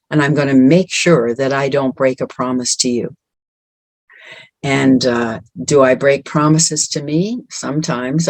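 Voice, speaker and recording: A woman's voice: low-pitched, no echo. A middle-aged woman giving an earnest, encouraging motivational talk, often repeating words for emphasis. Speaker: speaker at a women's empowerment event.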